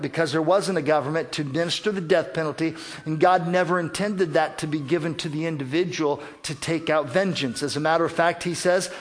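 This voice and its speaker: A man with a somewhat higher voice preaches a sermon. He speaks earnestly and sometimes repeats a word while he searches for the next thought. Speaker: pastor.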